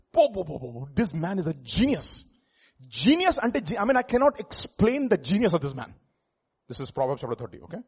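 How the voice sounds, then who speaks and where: A man with an Indian accent and a husky voice preaching in an informal teaching style, repeating phrases for emphasis and putting questions to his congregation. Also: fairly high pitch, darkish tone. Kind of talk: sermon with informal teaching asides.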